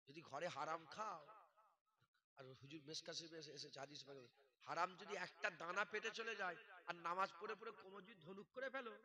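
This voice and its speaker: A man preaching a waz sermon, scolding the crowd with rhetorical questions and swinging from low muttering to loud shouting.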